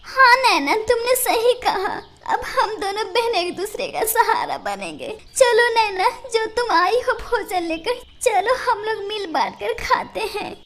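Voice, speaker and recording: A woman voicing Munmun, an elder female cartoon bird who speaks softly and tearfully. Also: very high voice, a little slow, few pauses, heavily acted. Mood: consoling. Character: elder female bird sister, gentle and sorrowful.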